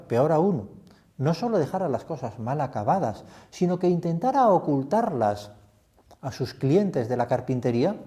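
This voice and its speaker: A man's voice: a little high, mellow. A man, a priest leading a retreat meditation, reflective and putting many questions to the listener.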